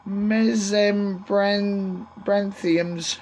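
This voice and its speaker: This woman's sore throat leaves her voice gruff, though a little mellow, as she gives a rambling, um-filled tour of her allotment greenhouse to a tripod camera. Her pitch sits in the middle, her intonation fairly even, her pace very slow. Outdoor sounds of traffic and lawnmowers carry in the background.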